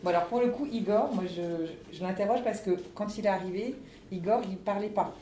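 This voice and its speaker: A woman's voice: mid-range voice, brisk, warm tone. A woman teacher answering interview questions in a chatty, teasing way, laughing often. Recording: echoey room, distant mic, faint noise.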